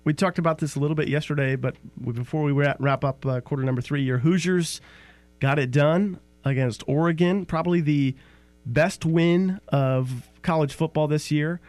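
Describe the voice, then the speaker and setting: A man co-hosting a local sports talk show, running through scores and picks in a relaxed way. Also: on the high side, dry recording. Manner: reads scores briskly, relaxed chat.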